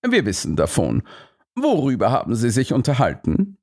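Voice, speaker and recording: A man voicing a sharp male detective who asks terse, probing questions in a higher voice than his narration. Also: wildly swooping pitch, moderate pace.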